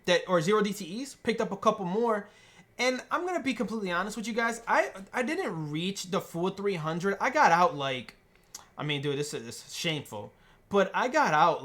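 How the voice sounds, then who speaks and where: A young man hosting a trading channel talks through his trades on a screen share in a loose, rambling way, full of restarts and fillers. His voice sits a little high for a man, and he chews gum while he talks. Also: a bit bright. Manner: chewing gum while talking.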